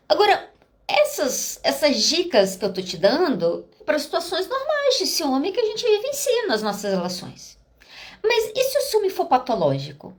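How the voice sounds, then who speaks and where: Brazilian woman, podcast host, high voice, animated, chatty storytelling. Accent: Brazilian Portuguese. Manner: chatty, animated, acts out quoted dialogue. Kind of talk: casual storytelling monologue.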